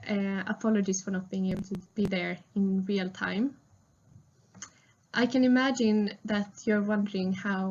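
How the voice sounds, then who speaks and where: A young woman in her twenties from Sweden, with a Swedish accent, presenting a prerecorded conference talk in a friendly tone with frequent "uh" fillers. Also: mid-range voice. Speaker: research engineer presenting. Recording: muffled lo-fi recording.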